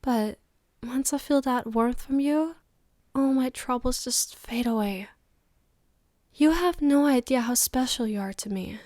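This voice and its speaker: A woman playing a loving, tired girlfriend on a late-night call, in a soft, intimate ASMR role-play. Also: sits high, unhurried, no room sound, studio quality. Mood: tender, loving.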